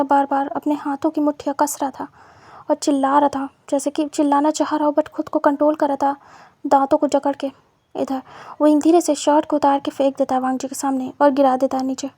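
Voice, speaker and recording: High-voiced woman narrating a story. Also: dark tone, dry recording. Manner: plain, repetitive retelling.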